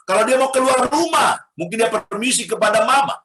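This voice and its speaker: Middle-aged male pastor, lively humorous sermon delivery, bright tone, roomy hall. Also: very high voice, a little fast. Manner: animated preaching with rhetorical questions and humor. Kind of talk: sermon to a congregation. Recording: echoey hall sound.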